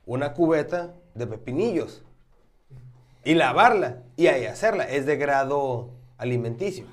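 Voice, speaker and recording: A man's voice: medium pitch, animated, a little slow. A man with a Mexican accent hosting a casual podcast chat over a beer tasting, joking crudely and swearing often. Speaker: podcast host.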